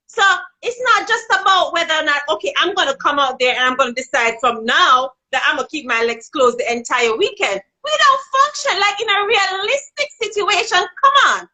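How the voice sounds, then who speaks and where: Holding her phone for a live video chat, a guest with a Jamaican accent speaks outspokenly and casually about sex and dating, rising in pitch to drive points home. Her voice sounds pushed and bright, and the recording quality is low.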